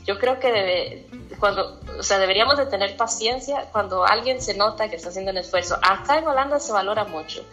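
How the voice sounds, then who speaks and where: A Costa Rican woman chats as an interview guest and tells her stories with lively energy. Her voice is bright and forward, with faint music underneath. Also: mid-range voice, a little fast, poor audio. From Costa Rica. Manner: animated storyteller, laughs often. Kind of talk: casual conversation.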